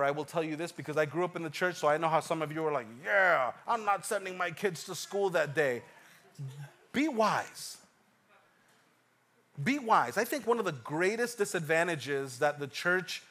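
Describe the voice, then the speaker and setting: A pastor in his thirties from Ecuador preaching a sermon, swinging from hushed asides to loud emphatic lines and repeating phrases for weight. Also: high-pitched.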